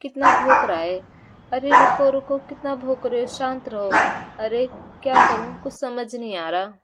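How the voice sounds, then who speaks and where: A woman's voice: a little high, normal speed, very noisy, close to an everyday voice. A woman voicing a flustered young man, the kids' uncle, who panics and feels helpless in a doll-play bedtime story.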